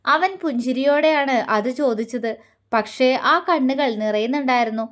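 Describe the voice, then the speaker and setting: A woman narrating a romantic audio story in a soft, measured storytelling manner. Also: sits high. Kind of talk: scripted narration.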